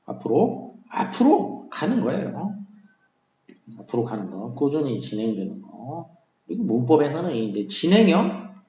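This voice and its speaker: A man's voice: medium pitch, a little mellow. A man teaching English vocabulary in a casual, conversational lecture style, with many fillers and key words said twice. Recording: roomy, dull lo-fi sound.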